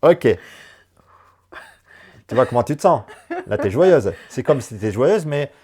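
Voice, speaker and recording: A man coaching a woman through a personal session, animated and encouraging, talking in quick bursts. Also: mid-range voice, slightly rough. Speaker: enneagram coach.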